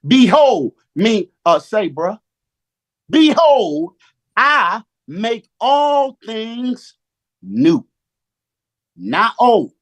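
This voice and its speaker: Man, preacher-style talk, video call, slang-heavy, call-and-response, animated. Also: sits high. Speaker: speaker on a Zoom call.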